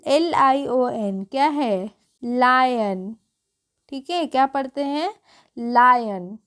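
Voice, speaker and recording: A woman's voice: high-pitched, expressive, very slow, a bit bright. A woman with a Hindi accent teaching English phonics to beginners, spelling out each word letter by letter and asking and answering her own questions.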